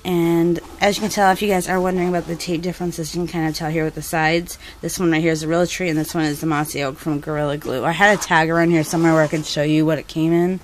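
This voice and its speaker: A woman's voice: sits low, steady tone, fast talker, few pauses, a little hiss or hum. A young woman casually showing off handmade duct tape purses, chatty and rambling with plenty of ums. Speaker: duct tape crafter showing custom orders. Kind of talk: casual show-and-tell vlog.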